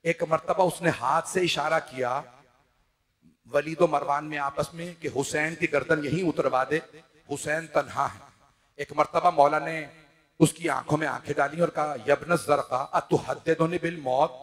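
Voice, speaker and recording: A man's voice: fairly high pitch, steady tone, moderate pace. A man giving a dramatic mourning sermon to a live gathering in a large hall. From Pakistan. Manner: dramatic storytelling, swelling to loud wailing cries. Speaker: Shia cleric leading a majlis.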